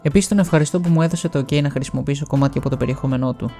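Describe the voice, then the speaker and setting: A man's voice: mid-range voice, mellow, faint music behind. A man from Greece narrating a scripted video essay in a wry, explanatory manner.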